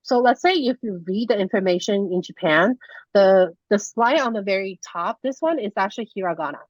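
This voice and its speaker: Brisk and lively in intonation, a young Mandarin-speaking woman from Taiwan runs an informal conversational lesson, filling it with fillers and restarts. Her voice is medium in pitch. The recording is dry, dull, lo-fi video call audio.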